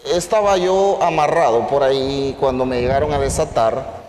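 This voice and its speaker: A man's voice: medium pitch, moderate pace, a little mellow, pitched below the performer's own voice, close to an everyday voice. A man voicing a proud, boastful young male donkey in a told story, recorded in an echoey church hall with faint background noise.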